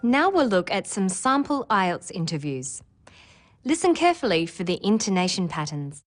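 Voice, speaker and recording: A woman presenting an English exam preparation lesson in clear, careful scripted narration. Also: mid-range voice, very animated, moderate pace, music in the background. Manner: clear, careful delivery with demonstrated intonation.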